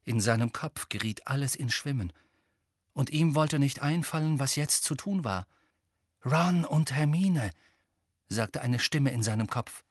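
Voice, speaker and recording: A man narrating an audiobook with lively, tense storytelling. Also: mid-range voice, normal speed, no echo, studio quality. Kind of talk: scripted narration.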